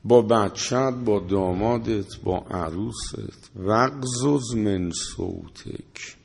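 A man's voice: lowish voice, gravelly, a little mellow, a little hiss or hum. Scolding male preacher in a reverberant hall. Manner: scolding, rhetorical questions, quotes Arabic verses. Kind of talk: sermon.

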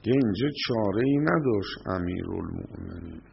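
Man preaching, tells stories, fires questions at the crowd, gravelly voice, muffled recording. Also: deep voice, lively intonation. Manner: addresses listeners directly with rhetorical questions. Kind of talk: sermon with storytelling. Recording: dull lo-fi recording.

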